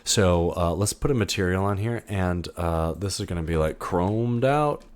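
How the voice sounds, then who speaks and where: Speaking at a normal speed in a deep voice, a male instructor walks through software in a casual screen recording. His delivery is thought-aloud, with many fillers and false starts.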